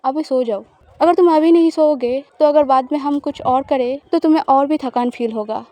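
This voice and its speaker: A woman lightly acts the part of a possessive, smug young spouse in an audio story, with a smile behind her teasing and coaxing. Her high, soft, mellow voice moves at a moderate pace in a dry recording.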